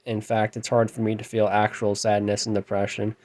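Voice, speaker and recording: A musician and vlogger in his thirties, with a light, androgynous but lowish voice, rants to camera at home late at night. His rambling, self-deprecating talk is fairly quick and monotone, mostly kept quiet until he flares up loudly, then trails off again.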